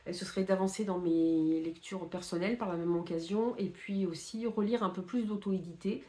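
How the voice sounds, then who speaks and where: A woman's voice: lowish voice, fairly even intonation, normal speed, mellow. A woman chatting casually to camera about her reading plans, with many fillers and restarts. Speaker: book vlogger.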